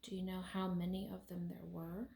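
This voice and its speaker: Casting: young woman, slightly low voice, casual questioner with dry asides, recorded in a roomy space. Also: completely flat delivery, normal speed, creaky, mellow. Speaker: session leader asking questions. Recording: roomy, echoey sound.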